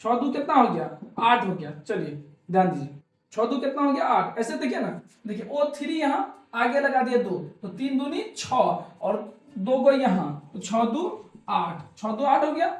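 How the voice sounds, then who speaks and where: A man's voice: very high-pitched, very animated, a little slow, echoey room. A man teaching a chemistry class, repeating his points and answering his own questions. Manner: repetitive, coaxing, asks questions and answers them himself. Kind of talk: classroom lecture.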